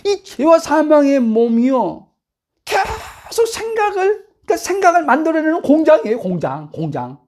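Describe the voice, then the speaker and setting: Very animated and fairly quick, a woman pastor delivers a sermon in a fairly high voice with wide pitch swings between phrases. She keeps firing rhetorical questions and calling out to listeners, bursting into near-shouts to drive points home.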